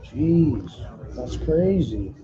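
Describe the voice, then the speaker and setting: A man's voice: a little high, very animated, very slow. A man talking casually on a live trading stream, his voice muffled as if heard through a wall by a faulty mic. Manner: casual, checking his own sound. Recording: dull muffled mic with background noise.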